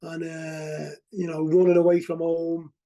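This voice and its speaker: A middle-aged man from Liverpool, England, gives a candid, rambling testimony at a recovery meeting over a video call, often restarting his words and asking "you know what I mean?" His voice is a little high, dark, and monotone, and he speaks unhurriedly.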